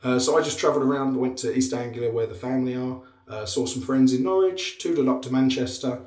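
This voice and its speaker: A man's voice: medium pitch, fast talker, a little mellow. Male podcast co-host, Essex accent, dry banter, casual delivery, roomy echo. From Essex, England. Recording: roomy, echoey sound.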